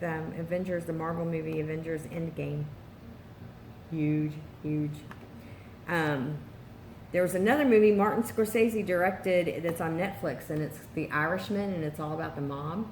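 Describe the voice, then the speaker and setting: A woman co-hosting a casual vlog, chatting with many pauses and filler words, upbeat and talkative. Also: fairly low pitch. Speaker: vlog co-host. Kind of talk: casual chat. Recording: roomy echo with faint background noise.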